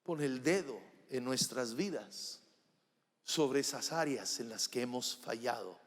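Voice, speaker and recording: A man's voice: medium pitch, unhurried. Passionate male preacher in a reverberant church. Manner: passionate preaching, swinging from loud declarations to hushed soft passages. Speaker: pastor. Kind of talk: live church sermon. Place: church sanctuary during a service. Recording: reverberant church hall with faint music.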